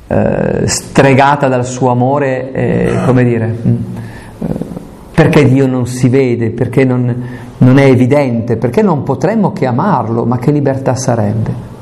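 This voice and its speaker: A man's voice: medium pitch, measured pace, creaky, warm tone, a little hiss or hum. A man, a priest, giving a conversational sermon, with rhetorical questions and quoted asides to his listeners.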